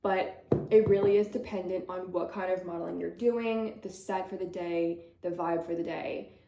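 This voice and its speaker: A woman's voice: lowish voice, fairly even intonation, moderate pace, noisy background. Bubbly young woman chatting in a roomy space. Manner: bubbly, chatty, laughs often. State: slightly out of breath. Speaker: model and vlogger. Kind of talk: casual Q&A chat to camera. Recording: roomy echo.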